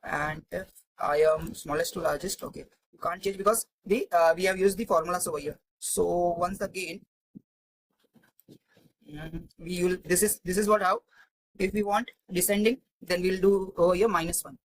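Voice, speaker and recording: A man's voice: high voice, fairly even intonation, moderate pace, poor audio. A man teaching a spreadsheet tutorial, thinking aloud with many fillers and restarts. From India. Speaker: Excel tutor. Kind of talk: screen-recorded spreadsheet tutorial.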